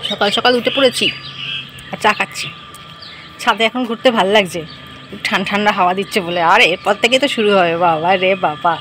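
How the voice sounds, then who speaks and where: A woman's voice: mid-range voice, brisk, background noise. A woman vlogger, chatting casually to the camera about her morning at home. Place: rooftop and home, outdoors and kitchen.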